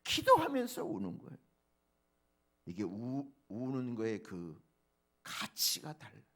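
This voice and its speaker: A male pastor preaching a dawn prayer sermon, swinging from soft low asides to loud emphatic peaks and speaking straight to the congregation. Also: wildly swooping pitch, slow pace. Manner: preacherly, addresses congregation directly.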